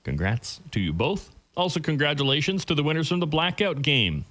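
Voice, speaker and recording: A man working as a radio bingo caller, announcing the game and numbers clearly and repeating key details. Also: on the high side, very animated, a little fast, a bit bright.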